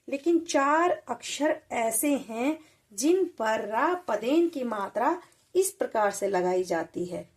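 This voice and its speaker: A woman teaching young children a lesson on letters, patient and repeating each sound slowly. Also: fairly high pitch, a little mellow.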